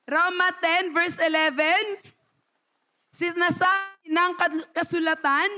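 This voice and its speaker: A woman with a Filipino accent preaching a sermon in church, calling out to the congregation and acting out quoted prayers. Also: very high-pitched. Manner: animated preaching, calls to the congregation, acts out quoted pleas.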